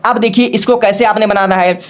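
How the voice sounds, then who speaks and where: A man's voice: high-pitched, steady tone, fairly quick. A male teacher giving a patient, step-by-step lesson, often checking in with "okay" and spelling words out letter by letter. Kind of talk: classroom-style lesson.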